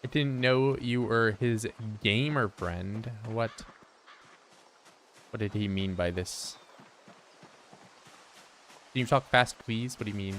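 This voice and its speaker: A man with a fairly low voice talks through his game on a live stream, cracking dry jokes and replying to his viewers as he goes. He seems to be at a home streaming setup, with a faint hiss of noise under his voice. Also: fairly bright tone. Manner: dry joking, answers chat aloud. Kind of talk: casual live-stream commentary.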